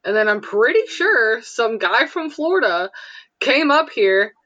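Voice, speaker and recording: A woman's voice: fairly high pitch, big pitch swings, measured pace, fairly bright tone, no room sound, dull audio. A woman from Illinois in a casual chat with a friend, rambling with many fillers and giggling. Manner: rambling, lots of likes and uhs, giggly. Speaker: friend chatting.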